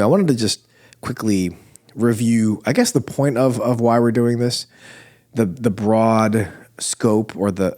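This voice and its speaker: This church podcast host has a nasal voice of fairly low pitch and darkish tone. His casual chat is rambling and full of restarts, with plenty of self-deprecating jokes.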